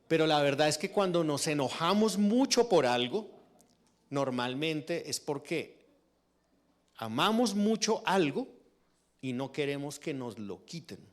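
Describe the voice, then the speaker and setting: A man preaching a sermon in a church, teaching through rhetorical questions to the congregation. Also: medium pitch. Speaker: pastor.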